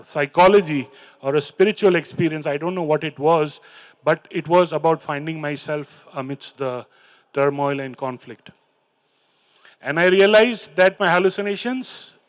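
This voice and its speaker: On a large hall stage, a middle-aged man with an Indian English accent speaks into a handheld microphone, his voice pitched a little high. His first language is Hindi or Urdu, and he tells his recovery story and recites poems in an earnest, halting way, full of fillers and restarts.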